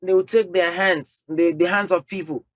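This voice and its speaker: A high-voiced Islamic teacher lectures at a moderate pace with a steady tone, though his delivery is emphatic. He organizes the talk into numbered points and mixes in Arabic terms, with no echo on the recording.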